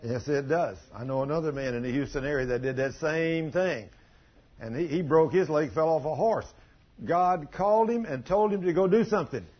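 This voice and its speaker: An older man preaching a sermon in a church, telling folksy stories and surging loud for emphasis, in a husky voice. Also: fairly high pitch, normal speed. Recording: dull lo-fi recording.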